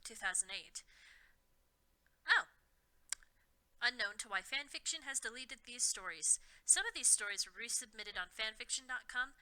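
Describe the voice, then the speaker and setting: A young woman reading a story aloud for comedy, in a hammy manner that bursts into shouting. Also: fairly high pitch, low-quality recording. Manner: hammy, shouting the quoted lines. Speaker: comedy reader.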